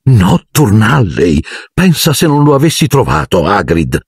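A man voicing an anxious, sharp-tongued middle-aged wizard mother. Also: on the low side, big pitch swings, unhurried, husky, no room sound, studio quality, pitched above the performer's own voice, full character voice. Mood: fretful. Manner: fretful, sharp-toned.

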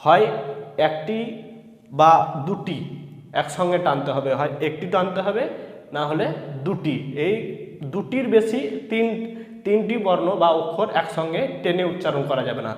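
A man's voice: sits high, lively intonation, moderate pace, long pauses. A male teacher with a Bangladeshi Bengali accent giving a beginners' reading lesson, spelling letters out one by one, then blending them, and repeating each point patiently. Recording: echoey room with long reverb.

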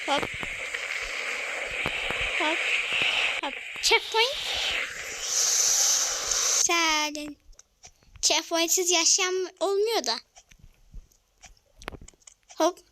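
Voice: very high voice, extremely slow, pauses often, background noise. A young gamer giving casual commentary while playing, talking to themself and often exclaiming in frustration. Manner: talks to self, exclaims, easily frustrated. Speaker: gamer playing a platform game.

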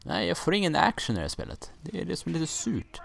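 A man's voice: fairly high pitch, huge pitch swings, gravelly, fairly bright tone. A young man from Sweden casually commenting on his own gameplay, rambling, joking and getting confused, with some mild swearing. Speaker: gaming let's-player.

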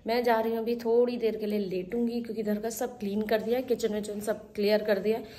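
A woman's voice: fairly high pitch, steady tone, fast, mellow, a little hiss or hum. A woman in her forties chatting casually to viewers in a daily vlog, filmed on a phone at arm's length in her home. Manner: chatty, addresses viewers directly, gestures while talking. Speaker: vlogger. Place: home rooms and kitchen, indoors. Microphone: phone held at arm's length.

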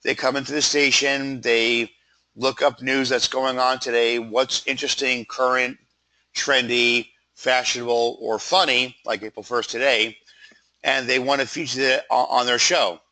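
Man, froggy voice, bright and punchy tone, medium pitch, conversational presenter, informal sales pitch. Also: little pitch movement, measured pace, rough recording. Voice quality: froggy, throat-clearing voice. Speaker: PR company presenter.

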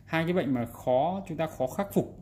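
A man with a somewhat high but dark-toned voice sounds animated as he speaks at a moderate pace, giving a casual, hands-on repair demonstration for a video. The setting is an indoor workbench, and background noise and room ambience come through.

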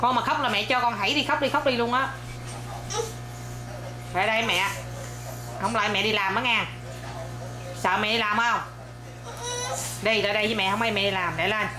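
A young mom films a relaxed vlog at home, talking to her audience as she coaxes, teases and mildly scolds her child. Her medium-pitched voice moves at a normal speed with long pauses.

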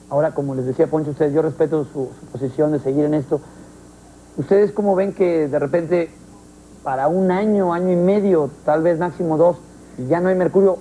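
A man's voice: a little high, mellow, slight background noise, poor audio. A man from Mexico hosting a studio talk show, teasing and joking with his guests between questions. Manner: joking, teasing, quick interjections.

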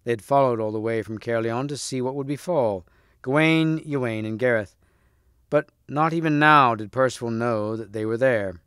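A man reading a storybook aloud to students, steady with small slips and restarts. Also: medium pitch, moderate pace, clear, resonant tone, no echo, clean studio sound. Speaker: reader.

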